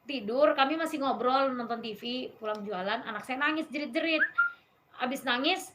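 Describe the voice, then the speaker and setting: Woman, fairly high voice, interview guest recounting her faith testimony; earnest, conversational storyteller. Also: moderate pace, heavy background noise. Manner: earnest storyteller, often quoting what was said.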